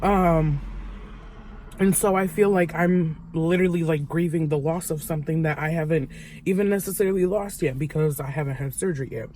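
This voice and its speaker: Young woman, confessional vlog, vulnerable and halting delivery, soft traffic hum in back. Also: low voice, fairly even intonation. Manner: halting, vulnerable, many fillers and restarts. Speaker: vlogger.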